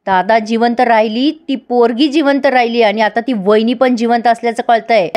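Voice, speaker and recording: A woman's voice: fairly high pitch, steady tone, normal speed, darkish tone, close to an everyday voice. A woman voicing a furious, blustering male gangster boss who scolds and taunts his partner. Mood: scolding.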